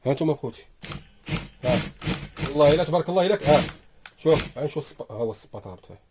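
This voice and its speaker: In his workshop, a man with a Moroccan Arabic accent shows off a sewing machine, chatting to viewers as he sews and repeating "here you go brothers." His voice is a little high, expressive and racing, with background noise. It's a casual product demo filmed on a phone camera held close while he works.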